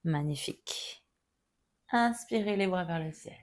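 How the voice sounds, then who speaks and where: A woman teaching a yoga class, giving calm, gently guiding cues through each pose. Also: on the low side, a little slow. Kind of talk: guided yoga instruction.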